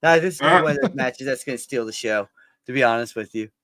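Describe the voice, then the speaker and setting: A man's voice: medium pitch, very fast, a bit bright, no room sound. A man co-hosting a wrestling podcast, giving blunt, joking opinions in casual chat. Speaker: podcast co-host.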